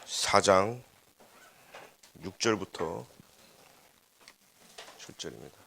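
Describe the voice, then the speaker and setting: A man preaching a sermon as pastor, animated, with rhetorical questions and quoted inner voices. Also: low voice, vocal fry, slightly rough. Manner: leads congregation in unison scripture reading, slowed.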